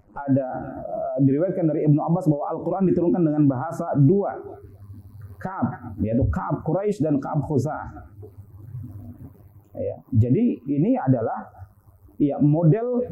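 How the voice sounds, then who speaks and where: A man giving a casual, explanatory religious lecture on Quran sciences, full of fillers and rhetorical questions, in an online class. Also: a little high. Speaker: Islamic studies teacher. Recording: tinny phone-like line.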